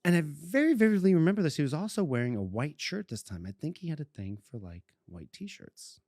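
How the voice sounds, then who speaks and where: A man recounts a story on a podcast in a loose, chatty way, often cracking himself up with laughter. His voice swoops widely in pitch. The sound is dry, with no room echo. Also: a little fast. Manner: animated, breaks into giggling fits. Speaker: podcast co-host. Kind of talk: casual storytelling.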